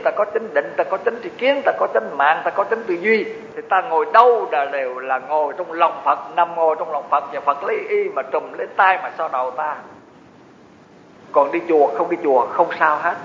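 A man's voice: a little high, fairly bright tone. A man giving a Buddhist dharma talk, explaining teachings with folksy asides to his audience. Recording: echoey hall, dull lo-fi with faint noise.

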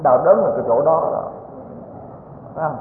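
A man delivers a Buddhist sermon in a lecture hall, mixing teaching with folksy jokes and tag questions. His voice sits high. The recording is thin and boxy, with a long hall echo and faint hiss behind it. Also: lively intonation, normal speed, narrow, tinny audio. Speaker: Buddhist teacher giving a dharma talk.

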